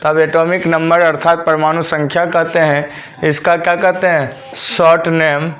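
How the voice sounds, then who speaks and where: A man's voice: on the high side, level tone, normal speed, fairly bright tone, muffled recording. A male teacher, giving a classroom lesson and drilling students with repeated questions for them to answer back.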